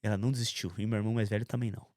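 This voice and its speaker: A man's voice: on the low side, racing, no room sound, clean studio sound. A man from giving a testimony in a conversational interview, telling his story intensely and acting out other people's words. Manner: intense, animated storytelling with quoted voices.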